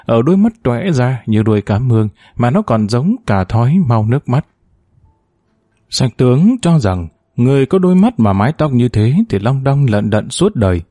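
Warm-voiced male storyteller. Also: mid-range voice, dry recording, clean studio sound. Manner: measured, expressive storytelling. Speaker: narrator. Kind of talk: audiobook story narration.

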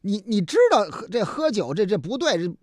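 A man's voice: sits high, big pitch swings, a little fast, no echo, clean studio sound. A man voicing a puzzled, patient policeman who questions a visitor, in his own everyday voice. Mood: puzzled questioning. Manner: plain questioning.

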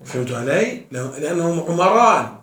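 A man's voice: on the high side, big pitch swings, quick pace, fairly bright tone. A man teaching a class as a sheikh, often asking his students questions and answering them himself. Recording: echoey room, mic far off.

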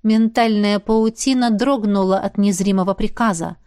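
A woman giving an expressive, dramatic reading as a fantasy audiobook narrator. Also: medium pitch, normal speed, clean tone, dry recording, studio quality.

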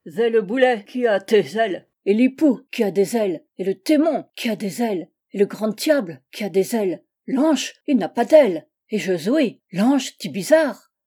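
A woman's voice: medium pitch, lively intonation, moderate pace, natural voice. Woman playing the Angel of the Odd, blustering German-accented male spirit. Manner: slurred mangled consonants, loud and blustering.

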